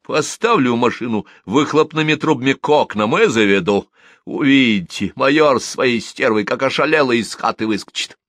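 A man voicing a hot-tempered young tank driver who shouts brashly and recklessly in an audiobook reading. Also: medium pitch, animated, moderate pace, no room sound, clean studio sound, pitched above the performer's own voice, close to an everyday voice. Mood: brash shouting.

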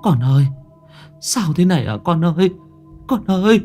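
A frightened village wife stammers her words in a thin, high falsetto, as a man puts her on. Her voice jumps all over the place with fear, and faint music hums beneath the ghost-story reading. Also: sing-song, moderate pace, darkish tone. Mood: panicked. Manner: stammering, shrill falsetto pleading.

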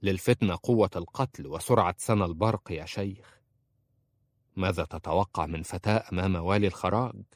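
A man's voice: low-pitched, fairly quick, no echo. A man voicing an earnest young bookseller. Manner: earnest, respectful pleading. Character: young orphan male bookseller, polite and persistent. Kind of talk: audiobook character voice.

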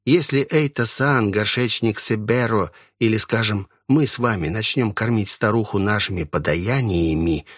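A man voicing a stern, reproachful old monk who speaks in a measured way. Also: fairly low pitch, a bit bright, no room sound, clean studio sound. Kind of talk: audiobook character voice.

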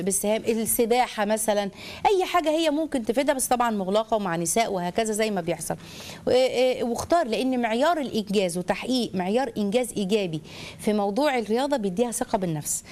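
A woman's voice: fairly high pitch, a little mellow. A middle-aged woman with an Egyptian accent hosting a call-in advice show, talking directly and coaching callers, often acting out little scenes. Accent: Egyptian Arabic. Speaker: host giving family advice to callers.

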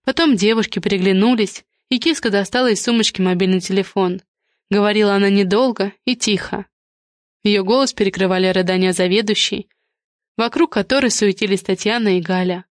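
A woman narrating an audiobook in a steady, even storytelling manner. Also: medium pitch, fairly quick, dry recording, clean studio sound. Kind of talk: scripted narration.

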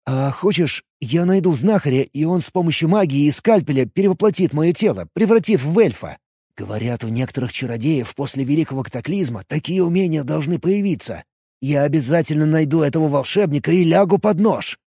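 A man's voice: fairly high pitch, animated, a little fast, dark tone, husky, dry recording, clean studio sound, pitched above the performer's own voice. A man doing a lovesick blustering paladin. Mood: eager. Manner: blustering, pleading, gabbles. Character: lovesick hulking human paladin man, hot-headed, clumsy.

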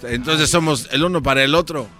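A man co-hosting a comedic radio show, teasing and cheering loudly. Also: a little high, fairly quick, faint music behind. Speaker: co-host.

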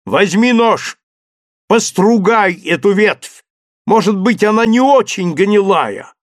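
A man voicing an excitable, obsessed gentleman who shouts urgent orders up a tree. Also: high voice, slow, no echo, clean studio sound, voice pushed up, full character voice. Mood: feverish. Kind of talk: audiobook character voice.

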